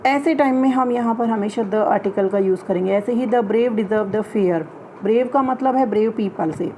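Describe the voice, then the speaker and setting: A fairly high-pitched woman teaches a grammar lesson, explaining in Hindi and slowing down to read out English example sentences. Faint noise hums behind her voice. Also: darkish tone, low-quality recording. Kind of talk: classroom-style grammar lesson.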